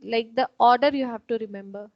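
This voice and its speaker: Lady math teacher on an online class, bit high voice, muffled dry call audio. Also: a little fast, no echo. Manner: patient, step-by-step explaining.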